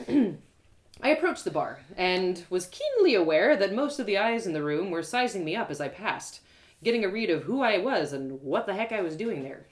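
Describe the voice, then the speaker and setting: Speaking at a medium pitch, a woman performs a first-person fantasy story for listeners as a live storyteller would, with lots of expression and dramatic pauses.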